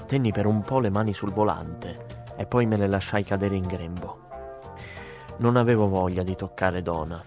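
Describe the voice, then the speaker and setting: A man narrating a story as an audiobook, in a calm, measured way. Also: low-pitched, soft background music.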